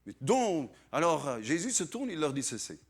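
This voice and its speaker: A man preaching a sermon in as pastor, animated and dramatic, acting out quoted voices and swinging between loud bursts and hushed asides. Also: a little high, normal speed.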